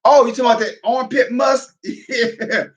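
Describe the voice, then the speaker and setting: A man, a military veteran, talking in a loud, profane, casual monologue, breaking into laughter as he goes. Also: very high-pitched, moderate pace, muffled recording. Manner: loud, profane, laughing asides, animated rant.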